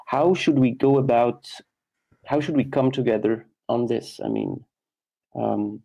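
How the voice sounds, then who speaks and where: A man with a dark, gravelly voice leads a video-call meeting. He poses questions to the group, pausing with fillers. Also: medium pitch, rough recording. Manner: questioning, hesitant. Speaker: meeting moderator. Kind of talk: casual meeting discussion.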